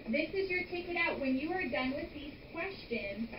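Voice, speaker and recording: A woman's voice: high voice, animated, normal speed, lo-fi sound. A woman teaching young students in a classroom, patient and encouraging, prompting them with questions. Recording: echoey classroom from far off, noisy.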